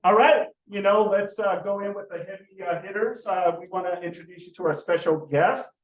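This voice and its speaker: A man's voice: high voice, moderate pace. A man emceeing a team meeting in an upbeat, joking manner. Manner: upbeat and jokey. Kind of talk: casual meeting hosting. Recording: roomy, distant, dull sound.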